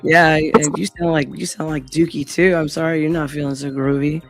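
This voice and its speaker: A woman with a hoarse, gravelly voice, losing it to laryngitis, hosting a casual live stream in a blunt, sweary manner. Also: deep voice, flat delivery, moderate pace, soft background music.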